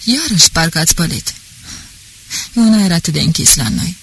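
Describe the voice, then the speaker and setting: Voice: medium pitch, big pitch swings, vocal fry, fairly bright tone, husky, heavily acted, rough recording. An audiobook reader voicing a boastful, talkative middle-aged police officer who rambles pompously. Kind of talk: audiobook character reading.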